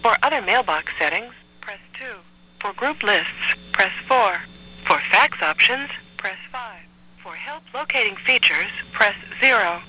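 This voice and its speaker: Bright, crisp woman's phone menu voice. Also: medium pitch, expressive, a little hiss or hum, poor audio. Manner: measured, clearly segmented instructional delivery. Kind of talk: phone menu prompts, scripted announcement. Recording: recorded telephone voicemail line.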